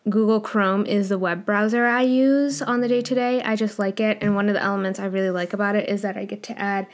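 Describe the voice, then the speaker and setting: A woman's voice: mid-range voice, fairly even intonation, a little fast. A woman with a noticeable lisp hosting a podcast, talking casually and informally with plenty of "like" as filler. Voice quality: strong lisp. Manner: informal, filler-heavy with frequent "like". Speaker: podcast host. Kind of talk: casual chatty podcast monologue.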